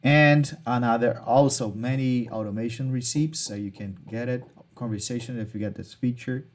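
Sharing his screen, a Brazilian man whose first language is Portuguese hosts a marketing tutorial that walks through software features. He speaks at normal speed in a steady, medium-pitched voice, casually repeating words, restarting phrases, and using non-native phrasing.

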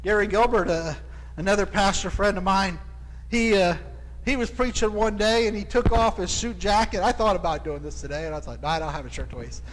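A man preaching a sermon as pastor, halting and restarting often, repeating his words, into a clip-on mic. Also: high voice, long reverb tail, slight background noise, rough recording. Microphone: clip-on microphone.

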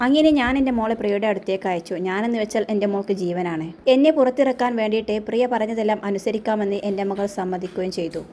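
A woman's voice: mid-range voice, fast talker, hardly any pauses, dark tone, slight background noise, close to an everyday voice. A woman voicing a remorseful, pleading male prisoner who is a father, in a Kerala Malayalam accent. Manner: pleading, apologetic.

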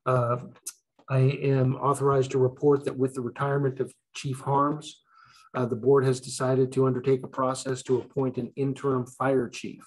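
Flat, formal man reading a legal report. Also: medium pitch, low-quality recording. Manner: measured, formal legal phrasing. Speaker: board legal counsel. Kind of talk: formal report of closed session.

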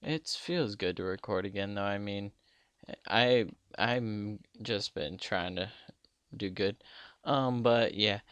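Casual young guy narrating his game, kinda low and smooth, jokey and rambly, dry sound. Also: slow, a bit bright, no room sound. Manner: rambling, joking, lots of fillers. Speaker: gaming YouTuber. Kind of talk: casual gameplay commentary.

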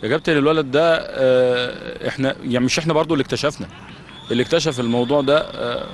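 Fast, heated Egyptian man. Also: medium pitch, fairly even intonation, slight background noise. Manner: heated, fires rhetorical questions. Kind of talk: studio-style interview answers. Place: outdoor football pitch at night. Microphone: handheld mic.

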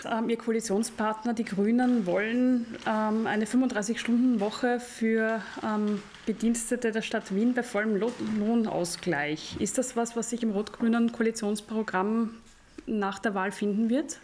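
A woman's voice: on the high side, fairly even intonation, measured pace, a little mellow, a little hiss or hum. A woman with an Austrian accent interviewing a politician, pressing him and cutting in with follow-up questions. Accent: Austrian German. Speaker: interviewer, journalist.

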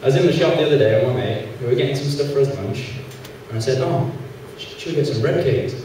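A young man doing an animated stand-up routine on a small theatre stage, acting out the people he quotes. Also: mid-range voice, quick pace, background noise. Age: young adult. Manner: animated, acts out quoted characters. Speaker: stand-up comedian. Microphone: handheld mic, far camera. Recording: echoey hall, from far off.

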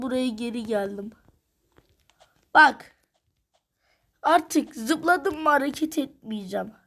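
A woman vlogger giving casual commentary while she plays a game, exasperated and repeating her words over and over. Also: on the high side. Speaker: gaming vlogger.

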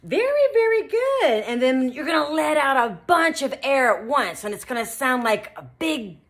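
A woman teaching children beatboxing in an animated, encouraging way, full of praise. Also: sits high, normal speed. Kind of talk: children's tutorial.

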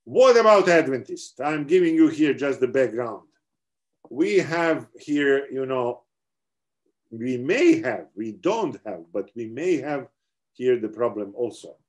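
A middle-aged man with a Serbian accent teaches theology in an online seminar over a video call. His medium pitch carries lively intonation at a measured pace, and his earnest explanations include frequent restarts.

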